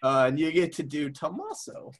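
A man's voice: on the high side, wildly swooping pitch, moderate pace, background noise. A man chatting casually, laughing often and stalling with fillers. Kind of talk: casual banter.

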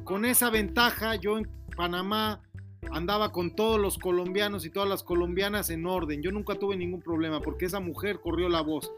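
A man's voice: sits high, fairly even intonation, fairly quick, fairly bright tone, faint music behind. A man talking to his daughter in a casual heart-to-heart, earnest and preachy, lecturing her about humility. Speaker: father giving advice.

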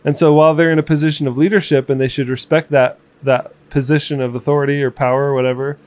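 A man in his twenties chatting casually as podcast co-host, reflective and halting, with fillers and restarts. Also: on the high side, little pitch movement, a little mellow, no room sound. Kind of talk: casual conversation.

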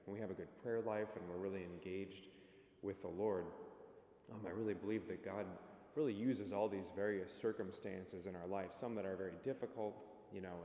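Low-voiced priest in cathedral echo. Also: male voice, gravelly, dark tone. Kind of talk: gospel reading and homily at mass. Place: large church. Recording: echoey church with long reverb.

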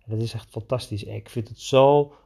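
A man with a faintly husky voice talks through a podcast episode about his coaching work with children. His delivery is eager and lively, full of enthusiasm for the story he is telling. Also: mid-range voice, fairly quick. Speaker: children's coach with own practice. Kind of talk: podcast monologue.

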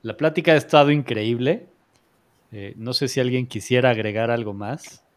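A man's voice: mid-range voice, moderate pace. A man hosting a live online talk show, speaking with many fillers and restarts as he thanks his guests. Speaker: podcast host. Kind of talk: casual live-streamed chat.

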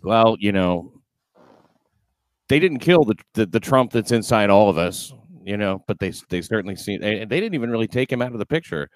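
Deadpan low-voiced podcast host. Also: male voice, normal speed, no room sound. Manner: dry, deadpan delivery with crude jokes. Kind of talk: casual comedic podcast chat.

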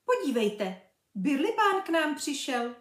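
Woman reader putting on a small teasing girl: high, bright, coaxing, roomy echo. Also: lively intonation, natural voice. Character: cheerful little girl with a bow, teasing. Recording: echoey room.

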